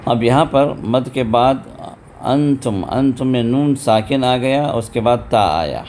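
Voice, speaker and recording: A man teaching a tajweed lesson, patiently explaining step by step and chanting verses slowly and drawn out. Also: medium pitch, darkish tone, slight background noise. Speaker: Quran recitation teacher. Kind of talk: tajweed lesson with recited examples.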